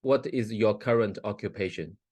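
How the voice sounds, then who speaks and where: A man in a mock hearing, asking formal questions in a measured way. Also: lowish voice, a little mellow, no echo.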